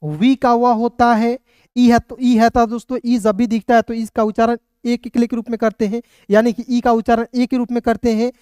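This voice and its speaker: A man with a clear, smooth voice teaches English pronunciation step by step. He patiently repeats each question and answers it himself. The recording is close and dry, with no room sound. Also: very high voice, flat delivery, moderate pace, darkish tone, no room sound. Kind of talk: online phonics lesson.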